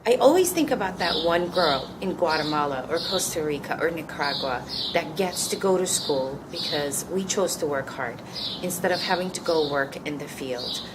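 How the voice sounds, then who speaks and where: Expressive and deep-voiced at a moderate pace, she answers an interviewer over background noise. Originally from Turkey and in her fifties, this coffee company co-founder is earnest and reflective, often restarting mid-sentence.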